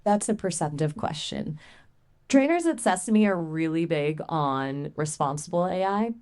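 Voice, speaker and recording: Here a low, unhurried female voice plays a conversational AI assistant. She keeps things casual, playful and expressive, using colloquial language.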